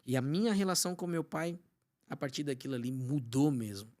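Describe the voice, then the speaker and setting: A man from Brazil, a pastor and podcast guest, telling an emotional personal testimony and often dropping to a hushed voice. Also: medium pitch, animated, a little fast. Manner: storytelling, often drops to a hushed voice.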